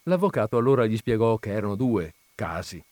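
Male reader, expressive narration, lively pitch, dry close recording. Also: fairly quick, dry recording. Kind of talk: literary story reading.

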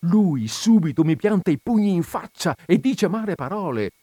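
Brief: man voicing a put-upon landlord in a read-aloud story, plaintive, lively pitch, mellow dry voice. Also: normal speed, husky, dry recording, heavily acted. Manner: plaintive, complaining, deferential. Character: harried, deferential landlord, middle-aged man.

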